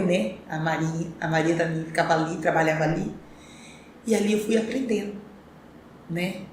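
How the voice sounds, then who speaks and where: A woman's voice: fairly low pitch, a little mellow. A woman, a podcast interview guest telling her life story in an earnest, reflective, rambling way. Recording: echoey room with faint ambient noise.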